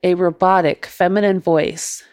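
A woman podcast host narrating her own ghost story in a measured, deliberate way. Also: fairly low pitch, fairly even intonation, a little mellow, smooth, no room sound, clean studio sound.

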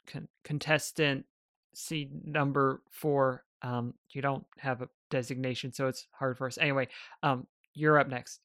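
A man's voice: mid-range voice, little pitch movement, a little slow, fairly bright tone, no echo, studio quality, natural voice. A man voicing a hesitant arena attendant who stumbles through his words with many fillers. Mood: awkward.

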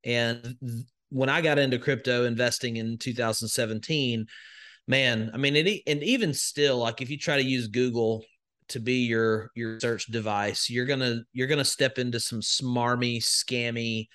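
A man's voice: medium pitch, steady tone, normal speed, bright, forceful tone. Folksy Southern man, rambling. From Northwest Alabama, US. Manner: rambling, folksy, many fillers and restarts. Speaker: guest, crypto educator. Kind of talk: conversational interview.

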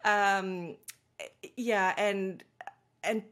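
Animated woman parent coach. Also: mid-range voice, drawn-out words. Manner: animated storyteller, laughs easily. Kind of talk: conversational interview.

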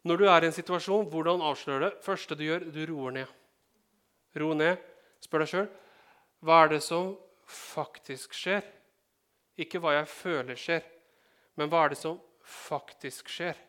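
Norwegian-speaking male pastor, fairly high voice. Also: fairly bright tone. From Norway. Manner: conversational, joking asides to the congregation. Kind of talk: sermon.

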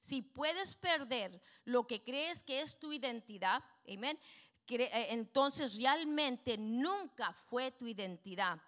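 A woman's voice: fairly high pitch, lively intonation, fairly bright tone. Emphatic bilingual woman preacher. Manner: switches between Spanish and English, frequent amens; emphatic, slows down for key points. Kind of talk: bilingual sermon.

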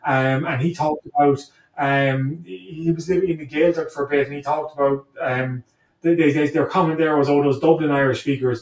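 A native English-speaking interview guest, male, reflects hesitantly in conversation, repeating words as he thinks. His pitch is fairly high and his tone darkish. Captured at a distance from the mic, the recording has a roomy echo.

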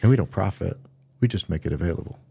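A middle-aged pastor speaks earnestly in a low, gravelly voice, easing into stories and acting out what people said. His tone is dark and mellow. He is recorded dry and close on the mic. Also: animated, quick pace, dry recording. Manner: earnest storytelling, acts out quoted voices. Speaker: pastor and podcast co-host. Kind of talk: casual podcast conversation.

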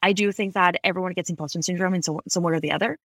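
A steady, fairly bright voice on the low side belongs to a woman in her thirties from Ecuador, appearing as a podcast guest to discuss her career. She talks fast and articulately with frequent self-corrections in a conversational interview, recorded at studio quality with no room sound in her Bay Area home office.

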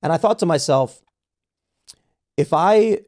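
A man's voice: on the high side, lively intonation, unhurried, a little mellow. A man in his thirties from the United States, hosting a podcast and telling an indignant story full of restarts and repeated words. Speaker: podcast host. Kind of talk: casual podcast conversation.

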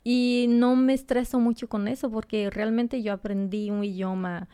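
A Brazilian woman with a mellow, warm voice set a little high chats as an interview guest. Spanish is not her first language, and she often repeats words while she searches for the next one. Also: flat delivery, moderate pace, smooth. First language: Portuguese. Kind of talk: casual interview chat.

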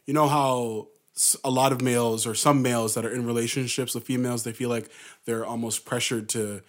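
A man's voice: mid-range voice, fairly even intonation, fairly quick. A man, chatting casually in a basement, blunt and slang-heavy, swearing freely. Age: 20s. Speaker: podcast co-host and musician. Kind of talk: casual chat.

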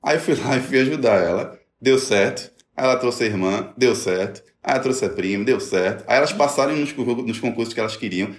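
Animated man in an echoey room. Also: medium pitch, brisk, few pauses. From Brazil. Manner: animated, acts out quoted voices. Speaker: guest telling his story. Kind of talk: personal story in a conversation.

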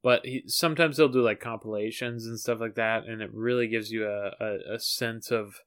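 Earnest podcast man, smooth clear voice. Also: lowish voice, fairly even intonation, normal speed, fairly bright tone. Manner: earnest, keen to correct himself. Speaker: podcast co-host. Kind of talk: casual chat.

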